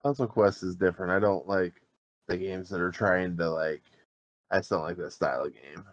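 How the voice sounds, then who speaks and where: A man co-hosts a gaming podcast, matter-of-fact as he runs through news in casual chat. His voice is low. The recording sounds dull and dry. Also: steady tone, moderate pace, no echo. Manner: matter-of-fact, lists release dates. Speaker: podcast co-host.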